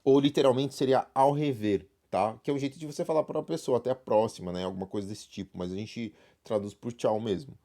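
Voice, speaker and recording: A man's voice: mid-range voice, fast, hardly any pauses, mellow. A man with a Brazilian accent teaching a beginner French class, walking students through a textbook and checking in with frequent "right?" tags. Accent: Brazilian Portuguese. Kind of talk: online class walkthrough.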